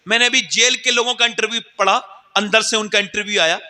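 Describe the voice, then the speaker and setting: A man's voice: high-pitched, fairly even intonation, fast talker, sharp tone. A man preaching a sermon with emotive, dramatic storytelling. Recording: long reverb of a hall.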